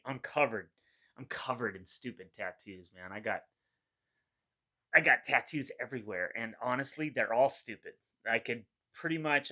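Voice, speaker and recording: A man's voice: mid-range voice, sharp tone. A middle-aged man giving casual, rambling reaction commentary in a laid-back, slangy way. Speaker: reaction video host.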